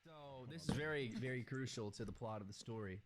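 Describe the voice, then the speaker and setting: A young man telling a story in a casual chat among friends, animated and quick. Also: mid-range voice, over a noisy crowd. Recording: loud background noise.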